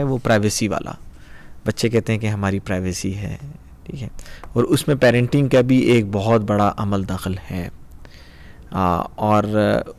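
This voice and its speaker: A man hosting a podcast, asking questions in a hesitant way with frequent pauses and English phrases mixed in. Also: mid-range voice, darkish tone. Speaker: podcast host. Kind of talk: conversational podcast interview.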